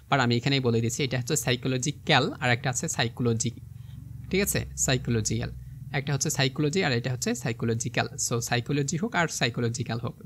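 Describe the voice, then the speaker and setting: A young man with a Bangladeshi Bengali accent teaching an exam vocabulary lesson, spelling words out step by step and checking in with his students often. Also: medium pitch.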